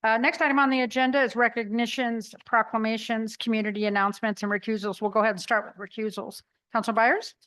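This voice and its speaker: Female meeting chair, voice a little high, brisk and businesslike, formal procedural delivery. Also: flat delivery, a bit bright. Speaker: mayor chairing a council meeting.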